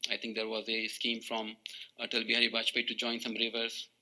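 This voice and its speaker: A man's voice: fairly low pitch, completely flat delivery, a little fast, sharp tone, poor audio. A man with an Indian accent giving a blunt, matter-of-fact explanation as a guest panelist.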